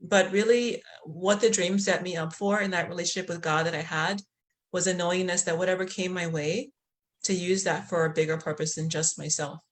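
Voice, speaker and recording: A woman's voice: fairly low pitch, steady tone, fairly quick. A woman from Liberia, a podcast guest, telling a spiritual story in a reflective way with many fillers. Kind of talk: conversational interview.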